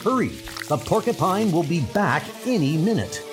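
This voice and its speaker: An earnest, bossy scientist superhero, voiced by a man, gives orders in a lively, fairly high male voice. Music plays behind this comic-book drama. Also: moderate pace. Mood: urgent. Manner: earnest, commanding.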